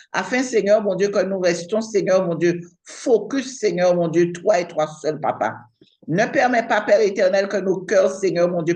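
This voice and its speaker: A woman's voice: lowish voice, a little mellow. A woman praying aloud fervently, repeating "Seigneur, mon Dieu" and "Papa" between every phrase. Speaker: prayer partner. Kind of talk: spoken prayer.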